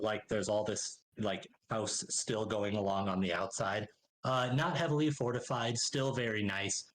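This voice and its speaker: A man runs a tabletop game, narrating the scene in a loose, rambling way full of filler words. His voice sits low. A faint hum runs behind him. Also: fairly bright tone, low-quality recording. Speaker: game master.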